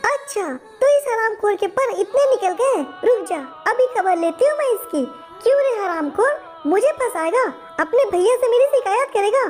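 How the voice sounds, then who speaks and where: A man doing a shrill, cruel sister-in-law. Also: expressive, normal speed, few pauses, faint music behind. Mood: furious. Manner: harsh, scolding, insulting. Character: cruel scolding sister-in-law, adult woman.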